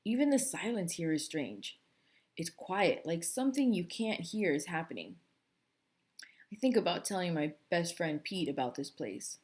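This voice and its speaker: Lower-voiced woman reading a novel aloud. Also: normal speed. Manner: steady, first-person storybook narration. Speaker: book club reader.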